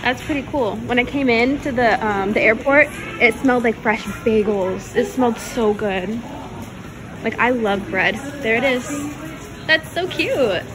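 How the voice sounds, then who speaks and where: A 22-year-old woman vlogging chattily from her airplane seat, easily excited, talking into a phone camera held close. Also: fairly high pitch, unhurried, music in the background. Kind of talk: casual travel vlog. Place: airplane cabin by the window. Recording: plane engine noise, distant mic.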